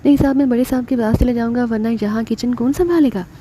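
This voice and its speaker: A woman's voice: fairly high pitch, fast, mellow, slight background noise, natural voice. A woman voicing a fussy, cheeky male servant who grumbles and stumbles over his words. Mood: grumbling.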